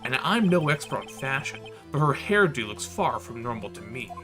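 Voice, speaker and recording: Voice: mid-range voice, very animated, moderate pace, over music, natural voice. A streamer voicing an earnest young male defense lawyer in a courtroom video game, making firm, pointed challenges. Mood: firm, arguing.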